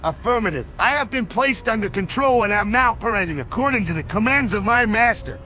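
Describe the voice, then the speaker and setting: Metallic robotic male robot, as a man plays it, obedient, formal, high voice, bright tone. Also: expressive, fairly quick, soft background music. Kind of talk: AI-generated cartoon dialogue.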